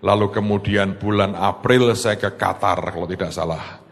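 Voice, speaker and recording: A man preaching a sermon as pastor, telling a story with animated bursts that jump high. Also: moderate pace. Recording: long hall reverb.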